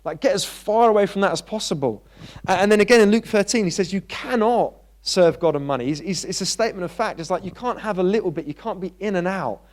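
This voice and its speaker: A man preaching a sermon in a church. He talks in a conversational way and gets animated when he tells stories. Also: sits high, quick pace. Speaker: pastor.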